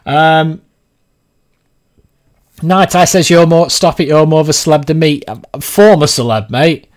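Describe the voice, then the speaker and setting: A man chatting casually during a livestream, rambling from topic to topic with quick laughs. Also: on the high side. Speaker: streamer.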